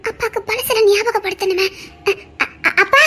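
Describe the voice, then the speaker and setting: A woman's voice: very high voice, fairly quick, a bit bright. A woman voicing a small, tender daughter who pleads with her father, tearful and laughing nervously. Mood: tearful pleading. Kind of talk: Tamil audio drama acting.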